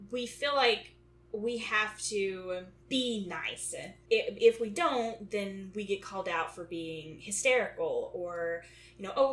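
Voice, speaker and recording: A woman's voice: medium pitch, a bit bright. Chatty woman co-host in an echoey room. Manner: chatty, thinks aloud with restarts. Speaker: podcast co-host. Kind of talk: casual chat.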